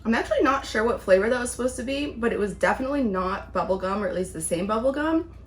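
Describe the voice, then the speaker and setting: A woman's voice: on the high side, expressive, fast, soft background music. A woman chatting casually as she reviews things in a taste-test vlog. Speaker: vlog host, candy reviewer.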